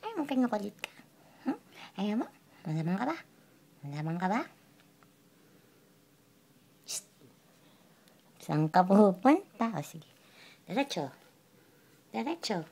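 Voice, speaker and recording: A woman's voice: medium pitch, sing-song, slow, pauses often, a little mellow, breathy edge. A woman, teasingly coaxing her pet in playful baby talk, with sing-song calls and giggles. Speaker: pet owner talking to her pet.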